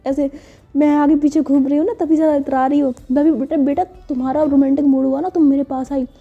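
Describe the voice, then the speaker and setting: A woman's voice: high-pitched, little pitch movement, a little fast, phone-quality sound, soft background music. A woman voicing a young woman in love who keeps pleading and whining for affection, read in a storytelling voice. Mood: sulky. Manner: wheedling, whiny, then sulky. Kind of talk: storytelling in character voice.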